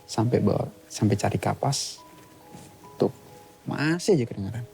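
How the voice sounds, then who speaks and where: A man talking as a podcast guest, retelling an eerie experience in halting, plain speech with short, clipped sentences. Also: on the low side, animated, creaky, dark tone, faint music behind, rough recording. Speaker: guest storyteller, author. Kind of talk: casual spoken retelling of a ghost story.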